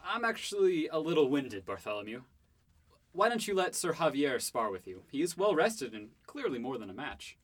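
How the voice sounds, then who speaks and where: A man's voice: on the high side, very animated, moderate pace, dry recording. A man voicing a cocky, teasing young prince and husband in a student radio drama.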